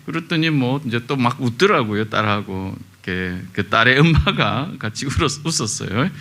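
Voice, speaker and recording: A middle-aged pastor preaching a sermon in a relaxed storytelling way, pausing often with small fillers. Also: male voice, medium pitch. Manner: conversational storytelling with many pauses and fillers. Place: church sanctuary.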